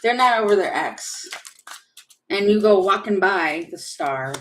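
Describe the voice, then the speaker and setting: A woman's voice: mid-range voice, animated, measured pace, roomy sound, slight background noise. A woman who reads tarot on a live stream, casual and chatty, thinking aloud from home. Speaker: tarot reader. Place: home room with a heater running.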